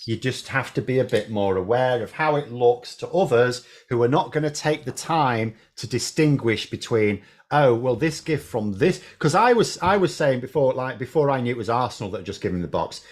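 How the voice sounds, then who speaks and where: Male co-host, average pitch, informal, discursive conversational delivery. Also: animated, brisk, few pauses. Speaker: talk show co-host. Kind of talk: casual chat.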